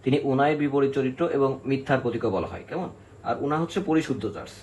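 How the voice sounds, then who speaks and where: A man's voice: mid-range voice, lively intonation, quick pace, darkish tone, a little hiss or hum, rough recording. A male literature teacher giving an exam-prep lecture, explaining step by step, counting syllables aloud and often checking in with his students.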